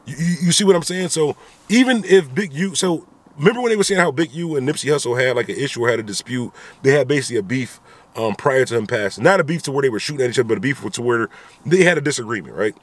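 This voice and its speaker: A fast-talking man in his thirties with a medium-pitched voice speaks animatedly into a phone camera at arm's length. He's vlogging from inside a car, offering his opinions and repeatedly slipping in rhetorical asides.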